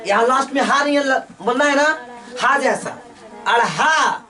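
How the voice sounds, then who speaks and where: A woman teaching a lesson. She asks each question, then answers it herself in slow, repeating drills. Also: high voice, pushed and bright, recorded from a distance. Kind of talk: classroom lesson with call-and-response drills.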